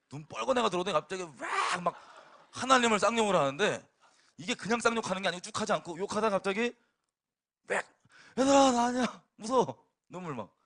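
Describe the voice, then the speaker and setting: A man preaching, telling a personal testimony in a sermon with lively, emphatic storytelling and bursts of laughter. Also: fairly high pitch.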